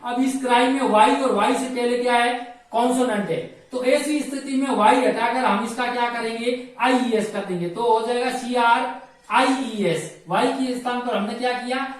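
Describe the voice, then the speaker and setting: High-voiced male teacher in an echoey room. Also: distant mic. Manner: explains slowly, repeats rules, spells words letter by letter. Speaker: English grammar teacher. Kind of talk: classroom grammar lesson.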